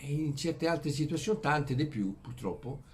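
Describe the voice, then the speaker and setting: A man with a Venetian accent from Veneto, speaking in dialect, rambling through homespun philosophy in a halting way, repeating words and putting questions to his listeners. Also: fairly high pitch, expressive, a little hiss or hum. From Veneto, Italy. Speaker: vlogger. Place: outdoors among flowers in early morning.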